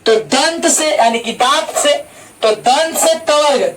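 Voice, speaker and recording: A man's voice: extremely high pitch, a little slow, fairly bright tone. A man teaching an online class, drilling each point with repeated rhetorical questions. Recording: distant mic with faint background noise.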